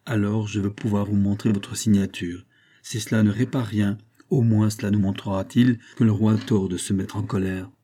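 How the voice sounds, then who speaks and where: A man's voice: fairly low pitch, little pitch movement, moderate pace, dark tone, close to an everyday voice. A man doing a bold, impertinent musketeer captain. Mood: lecturing. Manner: blunt, ironic.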